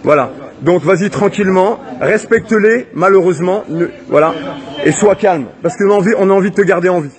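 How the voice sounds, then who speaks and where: A man filming an arrest on his phone outdoors, shouting and pleading, telling the police to let the man go and urging him to stay calm. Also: high-pitched, brisk. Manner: pleading, repeats himself, calls out to the police and a crowd. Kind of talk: shouted street protest. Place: outdoors in a city street. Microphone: phone camera held while filming. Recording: amateur phone video with a crowd around. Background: crowd of onlookers.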